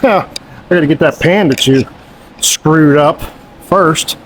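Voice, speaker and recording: A folksy mechanic jokes and drawls while he works on an engine, his voice sitting a bit high for a man. A light hum of shop noise stays under him in the garage. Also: measured pace, poor audio. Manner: joking, folksy, drawling country talk. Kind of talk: casual shop talk while working.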